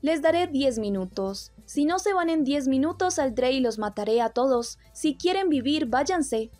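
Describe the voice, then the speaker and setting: A woman's voice: high voice, animated, moderate pace, a little mellow, soft background music. A woman reading out a stern commanding ex-captain. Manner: curt orders, read out plainly.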